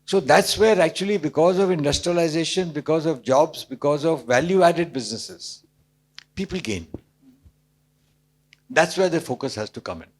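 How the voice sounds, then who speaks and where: An older man from Calcutta with an Indian accent, explaining things emphatically in short measured phrases as an interview guest. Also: on the high side, lively intonation. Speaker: interview guest, business executive.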